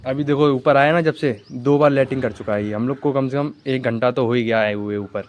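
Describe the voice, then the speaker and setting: A man's voice: mid-range voice, a little fast, a little hiss or hum. Chatty male vlogger talking to viewers. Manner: chatty, addressing viewers directly. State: back pain. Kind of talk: casual vlog narration.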